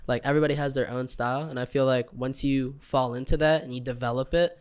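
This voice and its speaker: A man's voice: medium pitch, steady tone, fast talker, smooth. A young man, a guest fighter, talking in a laid-back, slangy way and laughing often in casual podcast chat. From United States.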